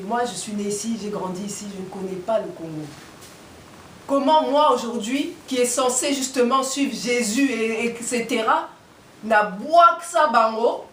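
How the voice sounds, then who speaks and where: A woman's voice: on the high side, fairly bright tone, echoey room, recorded from a distance, slight background noise. A woman giving an impassioned political and spiritual monologue, firing off rhetorical questions and repeating her points for emphasis. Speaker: activist speaker.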